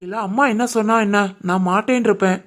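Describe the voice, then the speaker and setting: A performer voicing an earnest, caring young husband and brother in an animated family story. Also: mid-range voice, fast talker, soft background music, lightly acted. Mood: worried.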